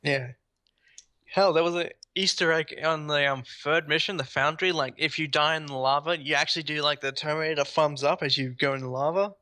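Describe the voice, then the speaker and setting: Aussie guy hosting a gaming podcast, bright voice, rambles on excitedly, dry close mic. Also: on the high side, brisk, no echo. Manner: enthusiastic, rambling. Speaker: podcast host. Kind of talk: casual gaming podcast chat.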